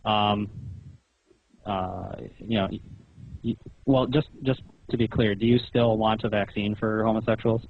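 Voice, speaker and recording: This caller's voice sits on the low side, with a steady tone and a measured pace. He questions pointedly and explains insistently, almost lecturing, in a telephone conversation captured in a muffled, roomy recording.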